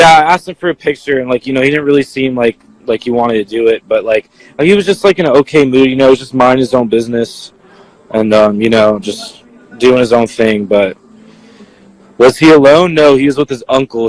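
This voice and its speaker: A young man, an eyewitness, answering viewer questions in a casual, halting way, full of "like" and "you know.". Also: mid-range voice, low-quality recording. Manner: halting, filler-heavy, leans on "like". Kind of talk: casual spoken account.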